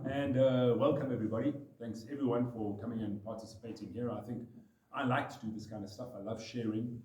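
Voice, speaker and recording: A man's voice: mid-range voice, dark tone, a little hiss or hum. Chatty man in echoey room. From South Africa. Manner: chatty, self-deprecating, laughs often. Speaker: paragliding pilot giving a talk. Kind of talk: informal talk to a live audience. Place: room with a gathered audience. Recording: echoey room, voice off-mic at times.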